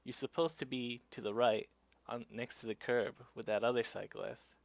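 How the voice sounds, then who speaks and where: A man's voice: medium pitch, steady tone, moderate pace, vocal fry, no room sound, close to an everyday voice. A man voicing an irritated male police officer in a curt, challenging way, as he retells a roadside stop in a vlog. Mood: indignant.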